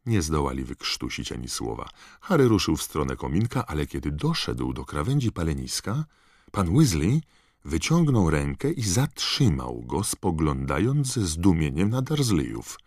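A man narrating an audiobook in expressive storytelling style. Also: a bass voice, moderate pace, gravelly, no room sound, studio quality. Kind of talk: scripted narration.

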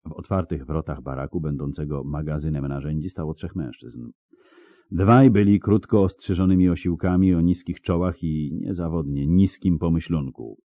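A man's voice: rumbling low, moderate pace, no echo, narrow, tinny audio. A man narrating an audiobook with vivid, dramatic storytelling. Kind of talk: scripted narration.

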